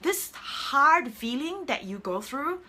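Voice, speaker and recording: Woman host, thirties, heartfelt motivational chat; bright, higher-pitched voice. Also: sing-song, slow. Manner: emotional, earnest, voice jumps high when quoting herself. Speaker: host of a live video chat. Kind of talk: casual motivational talk.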